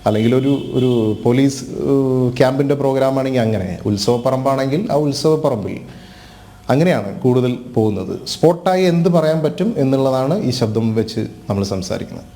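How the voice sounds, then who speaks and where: A man's voice: medium pitch, fairly quick. A man from Kerala, a mimicry artist, talking casually and agreeing eagerly in a TV interview. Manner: relaxed, affirming, eager to agree.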